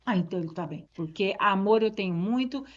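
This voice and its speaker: A woman's voice: mid-range voice, lively intonation, brisk. Woman pastor telling an emotional story. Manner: emotional storytelling, acts out dialogue. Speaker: pastor, interviewee. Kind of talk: personal testimony. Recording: slightly dull, muffled audio.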